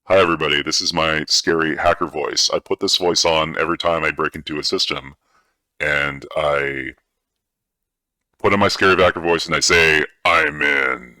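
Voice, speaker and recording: Very deep scary hacker. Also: male voice, fairly even intonation, pushed and bright, no echo, full character voice. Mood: mock menacing. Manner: deliberately ominous, mock-sinister delivery. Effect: voice changer lowering the pitch. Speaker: cybersecurity tutorial presenter. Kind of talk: joking aside in a screen-recorded hacking tutorial.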